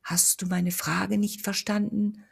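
A woman voicing an eerie, pleading ghost in a slow, breathy whisper. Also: medium pitch, flat delivery.

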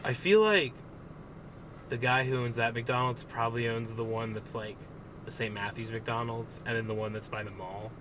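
A man's voice: medium pitch, moderate pace. Brief: man, loose jokey chat, faint noise behind. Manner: rambling, jokey, many fillers. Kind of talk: casual chat about food.

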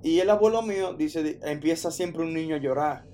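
A man from the Dominican Republic with a Dominican accent, casually telling a personal story in an animated, slangy way, often restarting his sentences. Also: a little high, brisk, a little hiss or hum. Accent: Dominican Spanish. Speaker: podcast storyteller.

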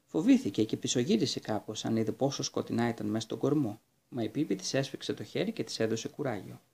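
Husky, gravelly male storyteller. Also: mid-range voice. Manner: lively, expressive storytelling. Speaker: narrator. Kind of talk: audiobook reading of a children's book.

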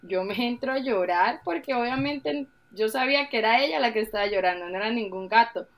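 A woman's voice: a little high, expressive, brisk. A woman, a mother co-hosting a casual podcast conversation, speaking frankly and with emphasis.

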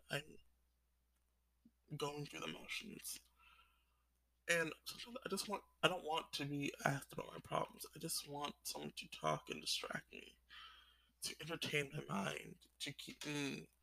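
A man's voice: fairly high pitch, vocal fry, pushed and bright. A twenty-year-old man talking in a confessional vlog, rambling with lots of "like" fillers and sighs. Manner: rambling, full of "like" fillers, sighing. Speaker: vlogger.

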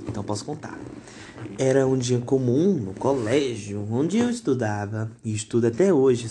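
A man's voice: mid-range voice, warm tone. Teen male vlogger, chatty, dramatic storyteller, self-mocking. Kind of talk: casual storytelling to camera.

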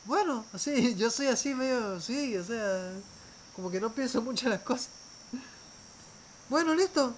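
A man's voice: extremely high pitch, moderate pace, slight background noise, low-quality recording. A man tells travel stories casually, rambling, often restarting words and trailing off. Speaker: traveler telling a story.

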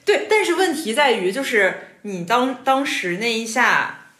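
A woman podcast host in casual chat, telling stories in an animated way. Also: fairly high pitch, unhurried, echoey room. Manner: animated storytelling with laughs.

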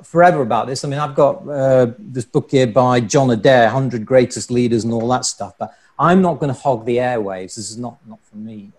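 A man moderating an online panel discussion over a video call, chatty and repeating words as he starts sentences. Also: medium pitch. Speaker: panel host.

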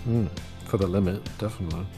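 A man's voice: low-pitched, quick pace, warm tone, faint music behind. A man co-hosting a motorsport podcast, blunt and laid-back in casual chat. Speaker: podcast co-host.

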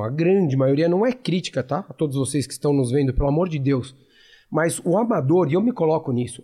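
A man hosts a casual talk in a husky, somewhat high voice. He keeps it conversational and laughs as he acts out lines. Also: dark tone. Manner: conversational, laughs while acting out quotes. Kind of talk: casual chat.

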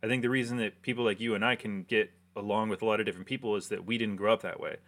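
A young American man hosting a relaxed, rambling chat with an old friend, full of fillers. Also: fairly low pitch, very fast. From United States. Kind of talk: casual chat.

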